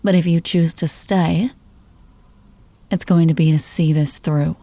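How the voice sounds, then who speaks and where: A woman playing a jealous, possessive girlfriend in an ASMR role-play, teasing and interrogating her partner in a slow, controlling murmur. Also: low voice, fairly even intonation, dark tone, no echo. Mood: possessive, stern.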